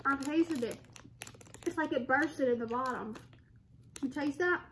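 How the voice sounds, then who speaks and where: High-voiced woman chewing gummies mid-chat. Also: measured pace, a bit bright, slight background noise, poor audio. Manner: chatty, describes tastes eagerly. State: chewing gummies while talking. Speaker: co-host of a snack taste test. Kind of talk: casual taste-test chat.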